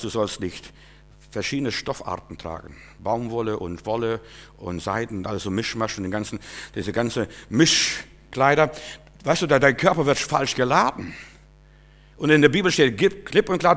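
A man preaching a sermon, urging listeners directly and repeating phrases, swinging between loud emphatic bursts and quiet asides. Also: mid-range voice.

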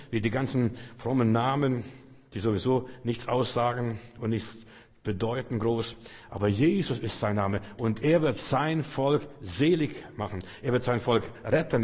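A husky-voiced man delivers a fervent sermon, his voice ringing through a large hall with a long echo. He swings between plain teaching and loud acted-out cries for help. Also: medium pitch. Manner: emphatic, acts out prayers and cries loudly. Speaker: preacher.

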